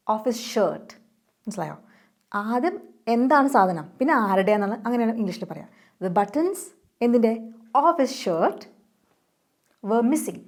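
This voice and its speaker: A woman's voice: on the high side, a little mellow. A woman with a Malayali accent giving a casual spoken English lesson, explaining step by step and checking in with her learners.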